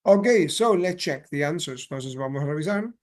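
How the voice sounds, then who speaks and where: A man's voice: a little high, lively intonation, normal speed, a little mellow. A man with a slightly raised voice explains grammar patiently to his students. He switches easily between Spanish and English. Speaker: English teacher. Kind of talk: classroom grammar lesson.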